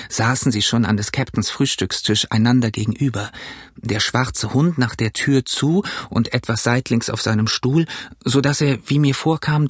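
A man narrating an audiobook in a steady, measured storytelling manner. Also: mid-range voice, slightly rough, dry recording, studio quality. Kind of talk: audiobook reading.

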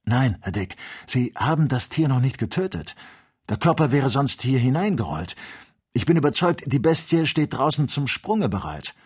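A man's voice: medium pitch, animated, moderate pace, darkish tone, husky, pitched above the performer's own voice. A man voicing an eager, loyal young male servant in a storybook reading, calling out urgent warnings.

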